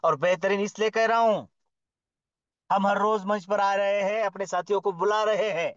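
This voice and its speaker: A man's voice: high voice, fairly even intonation, normal speed, no echo. A man giving a motivational address at a business community meeting, formal and effusive, lavishing praise on leaders and tossing in rhetorical questions. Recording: dull lo-fi dry audio.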